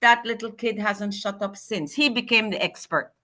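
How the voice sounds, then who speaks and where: A woman's voice: mid-range voice, moderate pace, pushed and bright. A woman with a Belizean Creole accent, telling stories emphatically in an interview and acting out what people said. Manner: emphatic, acts out quoted dialogue. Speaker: guest, linguistics researcher and educator. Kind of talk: animated interview storytelling.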